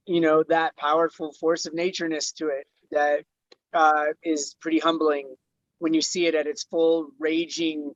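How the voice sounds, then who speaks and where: A man's voice: fairly high pitch, fairly bright tone, no echo, lo-fi sound. A man co-hosting a breathwork session, talking in a reflective, rambling way with many fillers on a group call. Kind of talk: casual group video call chat. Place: home on a mountain by a stream.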